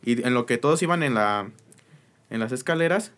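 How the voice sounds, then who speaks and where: A man in a casual chat, recounting a story in a halting, stumbling way. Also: medium pitch, animated, a bit bright.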